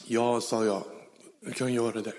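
A man telling his personal conversion story, animatedly acting out the dialogue, with halting, non-native phrasing. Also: mid-range voice, flat delivery, a little mellow. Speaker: testimony speaker. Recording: reverberant hall.

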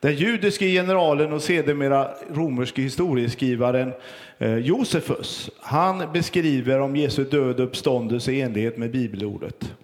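A middle-aged man preaching a sermon as pastor, earnest and storytelling, with pauses and fillers. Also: medium pitch, big-room sound.

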